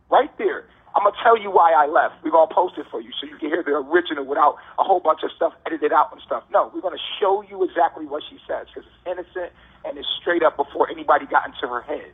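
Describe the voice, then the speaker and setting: A man's voice: fairly high pitch, vocal fry, husky. An American man on a prison phone line, delivering an impassioned, slangy monologue with emphatic repetition and rhetorical questions. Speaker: detainee speaking on a jail phone call.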